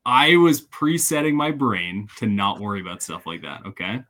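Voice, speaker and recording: A man from Ohio with a somewhat low voice hosts a golf podcast. He rambles a little, pokes fun at himself and laughs easily. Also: sing-song, moderate pace, a bit bright. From Ohio, USA. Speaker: podcast host. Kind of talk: casual podcast chat.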